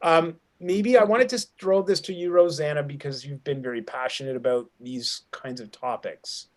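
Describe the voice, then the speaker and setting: A man with a voice on the high side moderates an online panel as acting program director, heard through a video call mic. He talks at a normal speed, thoughtful, often starting his questions over as he shapes them.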